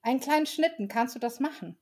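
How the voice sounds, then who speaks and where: A bunch of little forest gnome children, high-pitched and insistent, tugging for attention in a storybook reading. A woman puts them on as she reads. The voice sits well above a grown woman's usual talk. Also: fast talker. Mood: pleading. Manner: high, excited, pleading.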